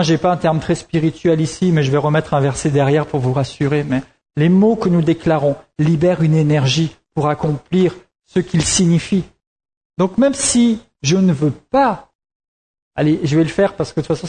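A man's voice: fairly high pitch, mellow. A man preaching a sermon in a conversational way, repeating key words for emphasis, with frequent restarts.

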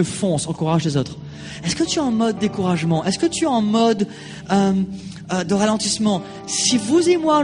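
High-voiced preacher in a reverberant hall. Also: male voice. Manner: animated storytelling, acting out quoted voices. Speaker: pastor. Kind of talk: sermon with personal anecdote. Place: church.

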